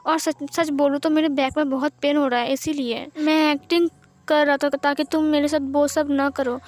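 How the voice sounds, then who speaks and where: A woman's voice: high voice, little pitch movement, normal speed, close to an everyday voice. A woman voicing a young man who pretends to be angry with his lover, talking in short, curt lines. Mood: tender. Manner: curt, scolding. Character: young man feigning anger, then tender.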